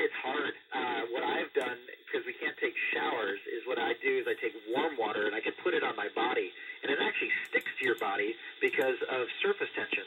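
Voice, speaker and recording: A middle-aged man speaks over a radio link full of static. His voice sounds distant and carries a steady hiss behind it. He explains things in an easygoing, plain way, pausing on "uh" and closing each answer with "Over". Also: medium pitch. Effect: radio transmission with static. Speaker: astronaut answering questions from students.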